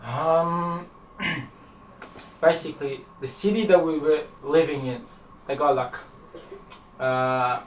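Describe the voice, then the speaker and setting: A young man from Afghanistan answering interview questions, halting and hesitant with many fillers, recorded in a small indoor room. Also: fairly high pitch, slight background noise. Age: young adult. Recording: echoey room, from far off.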